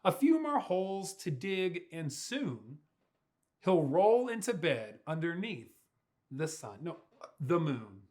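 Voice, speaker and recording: In a small furnished room, a pastor in his young adult years gives an animated storybook reading to a group of children. His pitch runs high for a man and ranges broadly. He speaks slowly, lingering on words with playful expression.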